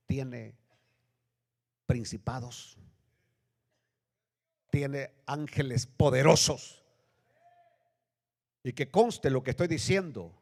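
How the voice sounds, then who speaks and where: A male pastor preaching a sermon with dramatic swings between loud, high bursts and low, hushed lines. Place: church sanctuary. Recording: long reverb of a church hall.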